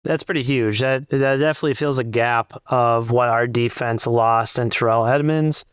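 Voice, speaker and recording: A man's voice: mid-range voice, steady tone, normal speed, clear, resonant tone, dry recording. A man co-hosting a podcast in casual sports chat. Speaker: podcast co-host.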